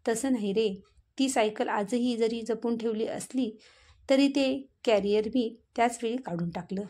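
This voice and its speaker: A gentle old woman, fond and wistful, teasing softly in a spoken story, as a woman narrator reads her lines. Her talk is tender and a little sad. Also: on the high side, a little slow, lightly acted. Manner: tender, scolding fondly.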